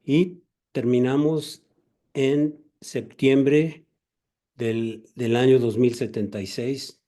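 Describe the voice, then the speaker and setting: Older man, mellow measured interview voice. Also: medium pitch, steady tone. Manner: measured, courteous, methodical. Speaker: guest, poultry veterinarian. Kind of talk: interview, recounting career.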